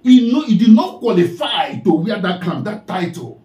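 A man with a Nigerian accent lectures and scolds in a strikingly high voice that swoops up and down. His tone is mellow rather than bright. It sounds like a roomy, echoey space. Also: very animated, normal speed. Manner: preachy and scolding, repeats the name he addresses. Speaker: online commentator. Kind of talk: scolding commentary monologue.

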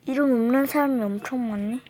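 A woman's voice: fairly high pitch, brisk, a little mellow. Chatty young woman gaming, noisy phone recording. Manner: chatty, playful. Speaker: gamer. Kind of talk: mobile game commentary.

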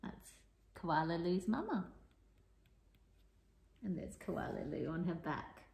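A woman reading a picture book aloud to young children, playful and expressive, with sing-song rhymes and the odd whisper. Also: fairly low pitch, slow, gravelly, a little hiss or hum. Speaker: children's storyteller and teacher. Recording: echoey room.

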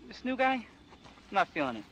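A man's voice: sits high, big pitch swings, a little fast, fairly bright tone, slight background noise, poor audio. An actor playing a cynical, irritable male TV show presenter in a video game, sarcastic and complaining. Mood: bossy. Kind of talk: video game dialogue acting.

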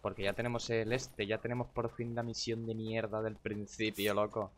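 Profane, chatty streamer with a low voice. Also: male voice, level tone, moderate pace, slight background noise. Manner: chatty and profane, muttering to himself and greeting chat viewers. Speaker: gaming streamer. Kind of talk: casual live-stream commentary.

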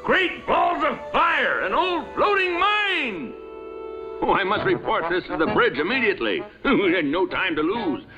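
An actor playing a bumbling, nearsighted old rich man in a cartoon, mumbling asides to himself and bursting into frantic shouts. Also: sits high, sing-song, a little slow, dull audio. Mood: chuffed. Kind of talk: cartoon voice acting. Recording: loud music bed behind.

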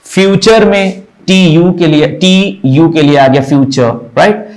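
A man teaching English pronunciation in Hindi, slowly repeating each word to drill the sounds. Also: on the high side, darkish tone, poor audio.

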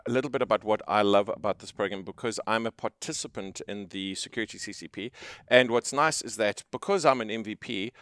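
Male podcast co-host, low voice, enthusiastic, dry headset sound. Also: fairly bright tone, no echo. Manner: jokey, enthusiastic. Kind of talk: casual interview chat. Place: conference room with windows. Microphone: headset mic.

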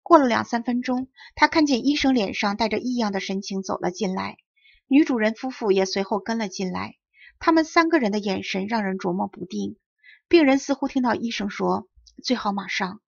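Lady teacher reading a kids' storybook aloud, husky gravelly voice, dull lo-fi close-mic sound. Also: medium pitch, fairly quick, dry recording. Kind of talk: scripted storybook narration. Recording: dull lo-fi audiobook recording.

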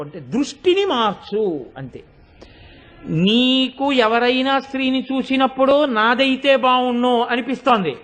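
A man giving a devotional sermon, telling stories with lively expression and chanting sacred verses slowly. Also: very high-pitched. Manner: animated storytelling, acting out quoted voices, chanting verses slowly. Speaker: spiritual discourse speaker.

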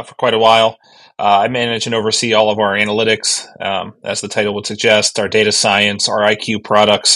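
A man's voice: lowish voice, bright, forceful tone. A man speaking as a podcast guest, easygoing and joking as he explains his work. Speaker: podcast guest, analytics executive. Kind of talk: casual interview.

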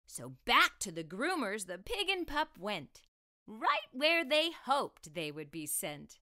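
A woman hosting a children's storytime reads aloud in a bright, animated manner, her voice on the high side. Speaking into a lapel mic, she keeps her delivery expressive and deliberate for young children.

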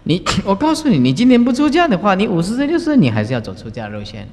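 A man, a Buddhist master, giving a folksy, teasing talk on the precepts to retreat participants. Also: fast. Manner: folksy, teasing, chuckling asides, lively swings in pitch. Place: large lecture hall. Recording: long hall reverb.

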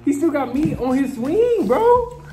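A young American man bantering casually with friends, teasing them in excitable, slangy, repetitive bursts. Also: extremely high pitch, a little slow. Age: young adult. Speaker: food challenge participant. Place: indoor room at a dining table. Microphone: camera across the table. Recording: roomy echo, music underneath.

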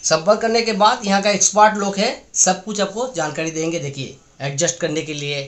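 A man in his thirties from India leads an eager walking-tour sales pitch through an indoor garment workshop and showroom, filmed on a handheld phone camera. As a factory guide showing kids' wear, he points things out and repeats phrases. His tone is steady and fairly bright, and he speaks fairly quickly.

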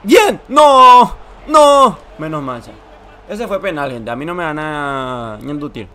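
A young man, giving excited, emotional commentary over a football video game he is playing. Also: a little high, moderate pace. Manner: emotional, shouts and groans at every play. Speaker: gaming YouTuber.

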